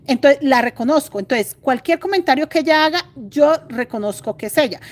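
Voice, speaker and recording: Middle-aged woman, Colombian accent, high-pitched voice, chatty crochet teacher talking through her stitches. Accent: Colombian Spanish. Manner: chatty and confiding, thinking aloud while stitching. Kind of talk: live-stream craft tutorial.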